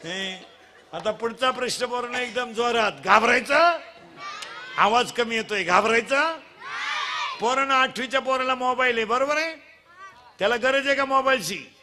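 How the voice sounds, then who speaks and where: A middle-aged man preaching a comic devotional kirtan, teasing children and drilling them in loud call-and-response. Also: very high voice, fairly quick, a faint crowd, slight background noise.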